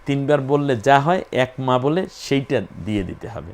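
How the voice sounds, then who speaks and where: A man's voice: medium pitch, animated, normal speed. A man teaching Quran recitation, patiently spelling out and repeating each letter and sound in a methodical lesson.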